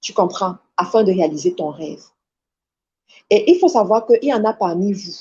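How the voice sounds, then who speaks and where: A woman's voice: mid-range voice, expressive, normal speed, dark tone. A woman giving a motivational sermon, exhorting her listeners directly and repeating her points. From Cameroon. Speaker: preacher and motivational speaker. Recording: dull lo-fi recording.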